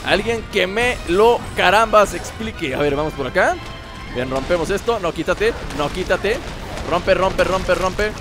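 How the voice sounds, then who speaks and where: Young male let's-player; high voice, playful slangy commentary over faint game music. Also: animated, measured pace. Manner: playful, mock-dramatic, slangy asides. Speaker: gameplay commentator. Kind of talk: joking let's-play commentary.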